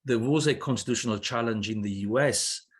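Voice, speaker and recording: Speaking a little fast in a slightly rough, medium-pitched voice, this guest lawyer from Switzerland is in his fifties and has a Swiss accent, English not being his native language. His speech is hesitant, full of fillers and restarts, during a video-call panel discussion. The laptop webcam captures him in an indoor room under a wooden ceiling.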